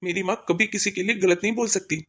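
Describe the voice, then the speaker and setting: A woman's voice: medium pitch, steady tone, fast, natural voice. A woman voicing a hot-tempered son and husband. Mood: angry. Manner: scolding, loud and stern.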